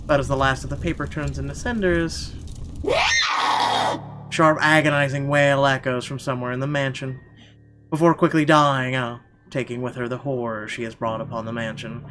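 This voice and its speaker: This man is shouting as he plays a visual novel, reading its narration with dramatic expression and throwing in casual curses. His medium-pitched voice is fairly bright, with little pitch movement and normal speed. Game music plays behind him.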